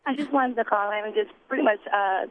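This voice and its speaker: A woman calls in over the phone, her voice thin and tinny through the narrow line. She talks in a casual, plain-spoken way at a middle pitch, venting her frustration. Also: a little fast, a little hiss or hum. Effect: heard over the phone. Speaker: caller. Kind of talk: call-in radio conversation.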